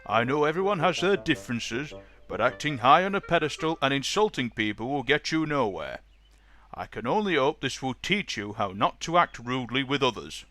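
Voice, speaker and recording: A man's voice: medium pitch, animated, normal speed, bright, forceful tone. A man doing a stern railway boss. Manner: scolding, firm. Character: stern middle-aged male railway boss.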